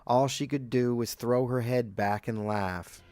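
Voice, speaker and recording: A man narrating a horror audiobook in a measured storytelling manner. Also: medium pitch, steady tone, a little mellow, no echo. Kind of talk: scripted narration.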